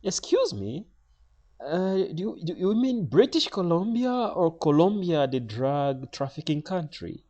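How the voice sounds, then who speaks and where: A man's voice: on the high side, very animated, measured pace, dark tone, voice pushed up. A man voicing a polite, doubtful female check-in clerk at an airport. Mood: puzzled.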